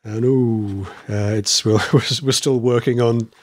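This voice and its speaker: Casting: male podcast host, a bit wheezy and croaky, rambling casual talk, very dry close sound. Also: mid-range voice, fairly even intonation, moderate pace, dry recording. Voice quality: slightly wheezy, a little croaky. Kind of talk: casual chat.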